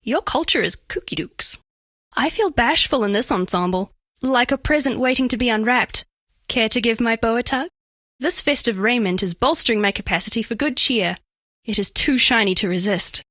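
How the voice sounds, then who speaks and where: These scripted lines voice a living-diamond alien woman in a video game, high-pitched, shy but flirty, inquisitive and literal. She speaks at normal speed with a fairly bright tone, in precise, stiffly formal diction that's earnest and coyly playful. The recording is dry, with no room sound.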